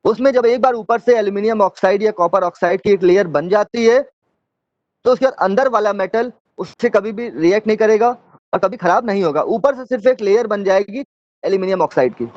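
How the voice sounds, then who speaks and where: A high-pitched man teaching an online class, walking through each point and pausing with check-in questions. The sound is dry and a bit dull, like lo-fi online audio. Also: a little mellow, no room sound. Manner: explains step by step with frequent check-in questions.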